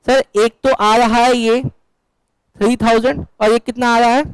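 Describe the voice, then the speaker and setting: A man's voice: very high-pitched, flat delivery, a little slow, smooth. A man. He keeps quizzing his students and slips in jokes. The sound is dry and close, with almost no room echo. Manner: joking, quizzing students, mixing English terms. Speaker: accounts teacher. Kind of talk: classroom lecture. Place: classroom.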